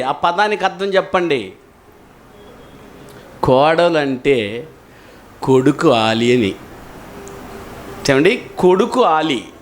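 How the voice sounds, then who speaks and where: A male pastor preaching a sermon in an animated way, often putting questions to his congregation. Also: high voice. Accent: Telugu.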